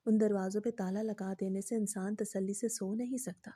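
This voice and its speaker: Woman voicing a calm, defiant wife. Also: mid-range voice, husky, lightly acted. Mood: calm defiance. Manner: composed, matter-of-fact. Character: calm, defiant wife who answers back coolly.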